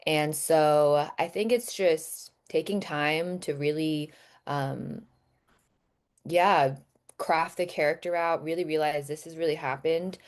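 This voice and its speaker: An American actress as a podcast guest, speaking earnestly and casually with frequent fillers. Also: female voice, low-pitched, steady tone, slow. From United States. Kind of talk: podcast interview.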